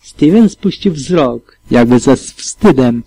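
Mężczyzna narrator czytający audiobook z przejęciem, w pierwszej osobie. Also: male voice, mid-range voice, animated, slow pace, mellow, slightly rough, dry recording, low-quality recording. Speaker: audiobook reader. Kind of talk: audiobook narration of fan fiction.

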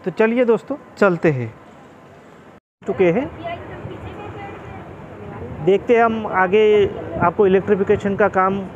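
A man's voice: high-pitched, unhurried, pauses often, dull audio. A man, narrating a casual railway travel vlog from a moving train and addressing viewers as friends. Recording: faint vehicle noise.

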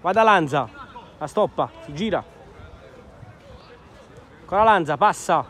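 Uomo, telecronaca calcistica lenta, voce acuta. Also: male voice, fairly high pitch, animated, unhurried, fairly bright tone. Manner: clipped short phrases naming players. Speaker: football match commentator. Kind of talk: live amateur football commentary. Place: outdoor floodlit football pitch at night.

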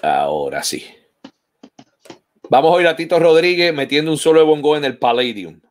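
A man hosts a relaxed conversation, his voice sitting a little high for a man. He talks in a lively way and keeps dropping playful asides into his stories. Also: normal speed. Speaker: host. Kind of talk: casual online interview.

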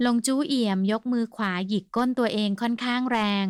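A woman's voice: a little high, fairly even intonation, fairly quick, clear, resonant tone, dry recording, studio quality. A woman narrating a comic novel as an audiobook host, telling the story politely and steadily.

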